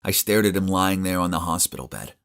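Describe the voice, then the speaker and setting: A man's voice: deep voice, a little fast, fairly bright tone, clean tone. A young man narrating a dramatic first-person story in a confiding tone.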